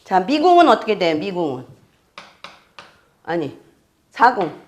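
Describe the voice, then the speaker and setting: This woman has a lowish, very animated voice with the highs cut off. She teaches a fortune-telling astrology class step by step, repeating key terms and checking with quick questions whether her students are following the lecture.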